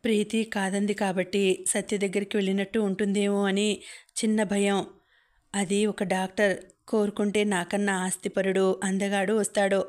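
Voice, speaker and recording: A man's voice: high-pitched, little pitch movement, normal speed, close to an everyday voice. A woman voicing a teasing young man who becomes frank and confiding about his feelings, in an audiobook novel. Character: young man, teasing yet shy in love.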